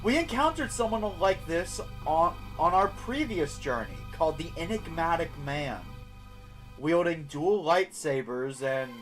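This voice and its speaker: A man's voice: fairly high pitch, animated, unhurried, faint music behind, rough recording. A man giving casual live let's play commentary as a game streamer, chatting as he goes.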